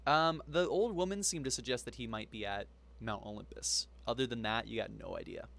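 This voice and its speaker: A man narrating as game master in a relaxed, chuckling manner. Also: mid-range voice, fairly quick, vocal fry, slight background noise.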